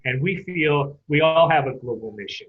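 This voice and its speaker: A man co-hosting a podcast, gently thanking the guest and signing off the show. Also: a little high, animated, normal speed, breathy edge. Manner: gentle, wrapping up with thanks and sign-off. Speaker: podcast co-host. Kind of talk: casual interview chat. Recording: tinny phone-like line.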